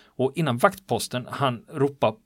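A man's voice: medium pitch, no echo. Man animatedly retelling a wartime story. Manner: animated, vivid retelling with quoted dialogue. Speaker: storyteller recounting wartime history. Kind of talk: casual spoken history telling. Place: on the island where the events happened.

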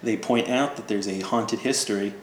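A man's voice: fairly low pitch, moderate pace. A man narrating as game master in a casual, joking way. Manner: casual, laughing, loose and joking. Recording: echoey room with faint ambient noise.

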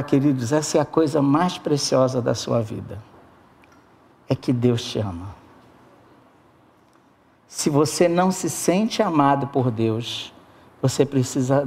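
A preacher delivering a sermon with an expressive manner, talking straight to the congregation. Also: medium pitch. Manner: expressive, addresses the congregation directly.

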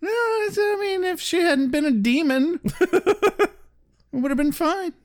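A man's voice: very high-pitched, lively intonation, measured pace. A man co-hosting a podcast in casual chat, laughing often and tossing in jokey asides. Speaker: podcast co-host.

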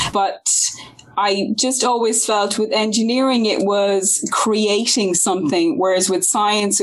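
A woman's voice: medium pitch, poor audio. A woman in her forties with a west of Ireland accent, chatting effusively as an interview guest and recalling her own life. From Galway, west of Ireland. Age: 40s. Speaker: podcast guest, science academic. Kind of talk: conversational interview, personal recollection.

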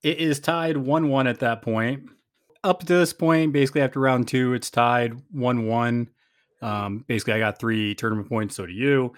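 A man's voice: medium pitch, normal speed, dry recording, studio quality. A man hosting a casual chat that recaps a game, rambling and thinking aloud as he goes. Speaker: podcast host.

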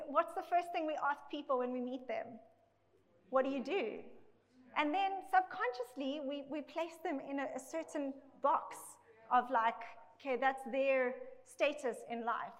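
Woman preaching, echoing through a big hall. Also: high voice. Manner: conversational, often checks in with "okay". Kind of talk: sermon. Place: large church hall with a congregation. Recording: echoey recording in a big hall.

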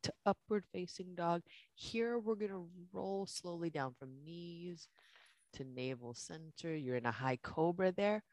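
Slow-paced yoga instructor coaching each breath. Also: mid-range voice, darkish tone, dry recording. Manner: slow breathing-coach delivery in short spaced phrases. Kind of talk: guided yoga class, cueing movements breath by breath.

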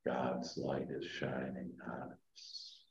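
A man guiding a meditation like a sleep story narrator, speaking softly and soothingly with long, calming pauses. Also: a bass voice. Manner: soft, hushed, calming delivery with long pauses. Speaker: spiritual teacher and meditation guide. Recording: dull, roomy echoing sound.

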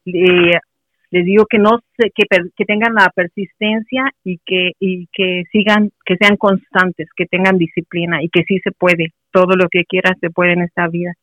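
A woman's voice: fairly low pitch, flat delivery, moderate pace, dry recording. Middle-aged woman, from Mexico City, earnest, encouraging, dull dry recording. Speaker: interview guest, mother of a player. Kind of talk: casual interview talk.

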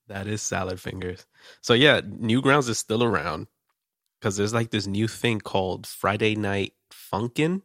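A man's voice: fairly low pitch, a little slow, a bit bright, no room sound, clean studio sound. A young man hosting a casual chat, joking loosely with lots of fillers. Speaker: podcast host.

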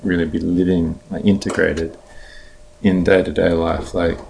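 A man with an Australian accent, a podcast guest telling a story in a relaxed, chatty way and acting out the dialogue. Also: sits low, a little slow, vocal fry, slight background noise. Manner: lively retelling, acts out quoted dialogue in a raised voice. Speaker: podcast guest, heart mentor. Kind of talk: casual storytelling.

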